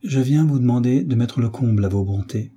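A man's voice: mid-range voice, a little fast, mellow, husky, lightly acted. A man doing Philippe, an earnest young son. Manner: earnest and pleading. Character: young nobleman son, earnest, devoted, resolute.

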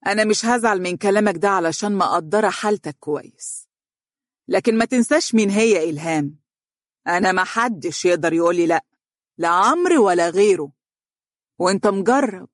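Audiobook: scornful Egyptian boss lady, male reader, raised pitch, quick. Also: fairly even intonation, no echo, studio quality, close to an everyday voice. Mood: domineering. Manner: sharp, scornful, domineering. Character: bossy, haughty businesswoman, adult. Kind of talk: audiobook character reading.

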